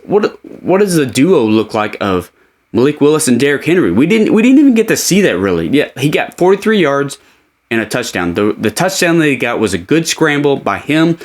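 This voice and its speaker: A man with a mid-pitched voice hosts a solo sports podcast. He talks in an emphatic, opinionated way, like a committed fan laying out his views. The delivery is conversational and unscripted.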